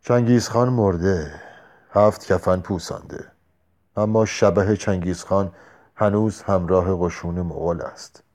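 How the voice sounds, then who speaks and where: A man reading the lines of a drunk, war-hardened soldier who talks slowly and heavily. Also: sits low, fairly even intonation, darkish tone, lightly acted. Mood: brooding. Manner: slow, heavy-tongued musing.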